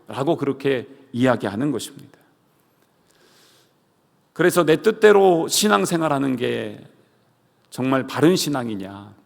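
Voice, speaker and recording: A male pastor preaching a sermon, swinging between loud cries and hushed asides and asking the congregation rhetorical questions. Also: mid-range voice, very animated, measured pace, creaky, pauses often. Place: church sanctuary. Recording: reverberant church hall.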